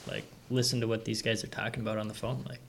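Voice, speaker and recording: Gravelly-voiced easygoing man. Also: on the low side, level tone, fast talker, a bit bright. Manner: easygoing, laughs easily, many fillers. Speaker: podcast co-host. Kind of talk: casual podcast chat.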